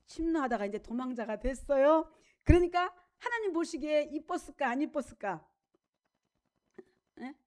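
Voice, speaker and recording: High-voiced woman pastor preaching. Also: normal speed, pauses often. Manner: animated storytelling, acting out quoted voices, asks the congregation questions. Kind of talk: sermon.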